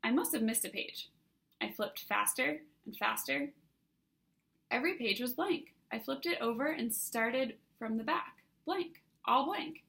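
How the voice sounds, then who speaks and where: Woman reading a story, slightly gravelly. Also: a little high, a little slow, fairly bright tone. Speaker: author reading her own book. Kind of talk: first-person audiobook narration.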